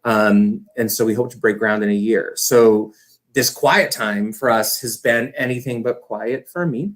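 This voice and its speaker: A fairly low-pitched man speaks unhurriedly as a guest in a casual conversational interview. He directs community theater and explains his work informally, full of enthusiasm and prone to rambling.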